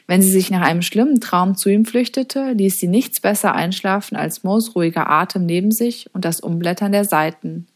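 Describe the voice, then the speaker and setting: A woman narrating a storybook with a measured, expressive delivery and a fairly low voice. The reading is scripted, and her pacing stays steady and even. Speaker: audiobook narrator.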